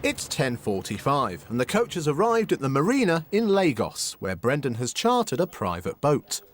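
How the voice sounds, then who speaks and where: A man's voice: mid-range voice, wildly swooping pitch, normal speed, slight background noise. A man narrating a reality show in a wry, scripted way.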